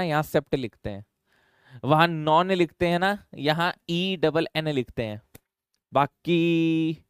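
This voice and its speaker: एक पुरुष शिक्षक कक्षा में रसायन पढ़ाते हुए, हिंदी और अंग्रेज़ी मिलाकर फुर्ती से और छात्रों को छेड़ते हुए बोलता है।. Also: male voice, on the high side, clear, resonant tone, no room sound, studio quality. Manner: brisk, teasing, mixes Hindi and English. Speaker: chemistry teacher. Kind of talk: classroom lecture. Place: classroom.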